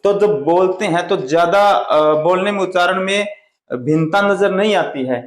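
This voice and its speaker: A man teaching a Hindi grammar lesson, slowly and deliberately sounding out the vowels for his students. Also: high-pitched. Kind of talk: slow blackboard-style grammar lesson. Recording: echoey room.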